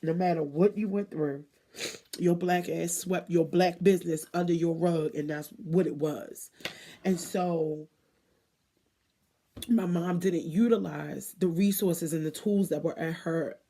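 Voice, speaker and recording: Mellow, dark-voiced woman speaking candidly. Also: on the low side. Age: 30s. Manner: candid, swearing, emphatic pauses. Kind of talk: personal emotional monologue.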